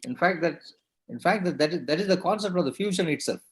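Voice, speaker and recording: A man's voice: fairly high pitch, expressive, fast talker, rough recording. Hesitant placating man. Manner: hesitant, placating, many restarts. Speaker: neurosurgeon and panelist. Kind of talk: panel discussion.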